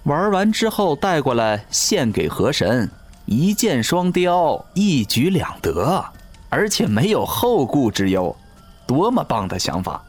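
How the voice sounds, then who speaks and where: Voiced by a man, a cruel undying seducer from an audio drama gloats in a husky, unhurried drawl. His pitch swoops wildly as he mocks his victims, and every line drips with sneering pleasure. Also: huge pitch swings, soft background music, heavily acted. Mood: gloating. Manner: sneering, mocking, slow and drawn out. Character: ageless male river-god servant, cruel gloating seducer.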